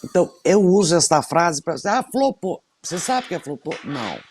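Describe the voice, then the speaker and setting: Co-hosting a radio program, this sixties-aged woman spins lively stories in casual conversation, leaning on emphatic repetition. She speaks at a moderate pace in a lowish voice, with a little hiss or hum on the recording.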